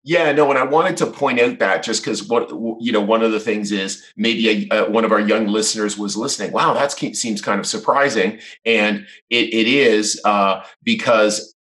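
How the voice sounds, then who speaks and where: Low-voiced rambling male host. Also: moderate pace, few pauses, a bit bright, poor audio. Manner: rambling, many restarts. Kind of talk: conversational interview.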